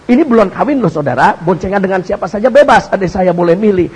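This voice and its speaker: A man's voice: high voice, lively intonation, quick pace, a little mellow, slightly rough, low-quality recording. An older man preaching, telling a joking family story and often addressing the congregation directly. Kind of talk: humorous storytelling sermon.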